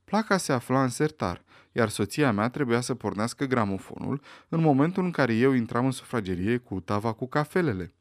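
A man reading aloud, voicing a panicky, servile middle-aged butler who pleads in a hurried way. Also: mid-range voice, animated, no echo, studio quality, natural voice. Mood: pleading.

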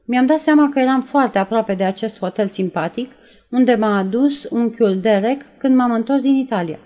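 A woman reading aloud and voicing a nervous young woman who retells events in a breathless, halting way. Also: a little high, dark tone, lightly acted. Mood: shaken. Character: nervous young woman, shaken after a shooting.

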